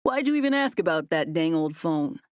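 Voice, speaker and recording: Woman playing a young man in love, gentle, teasing, low-pitched, dry close audiobook sound. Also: sing-song, normal speed, no room sound. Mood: tender.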